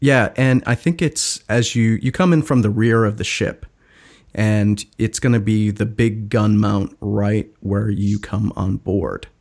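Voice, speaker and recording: A man's voice: lowish voice, steady tone, a little slow, gravelly, a little mellow. A man co-hosting a casual podcast, chatting playfully and joking with his co-host. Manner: playful, jokey banter. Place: Seattle.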